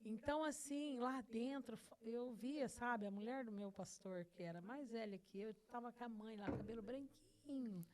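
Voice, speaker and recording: A middle-aged woman with a somewhat high-pitched voice shares a deeply personal testimony as the host of her own talk show. She is earnest and heartfelt, circling back to the same phrases for emphasis. Now and then she acts out the words she once spoke to God. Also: normal speed, hardly any pauses, darkish tone. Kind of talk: emotional personal testimony in conversation.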